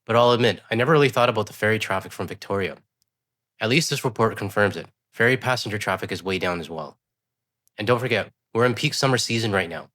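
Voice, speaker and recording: Fast-talking congested man, low voice. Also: fairly bright tone. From West Coast of Canada. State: congested from a cold. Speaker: news commentary channel host. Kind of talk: casual commentary.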